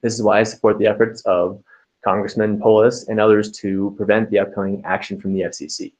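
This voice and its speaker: A man on a panel, co-founder of a small software company, reading measured, formal prepared remarks. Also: on the low side, level tone, rough recording.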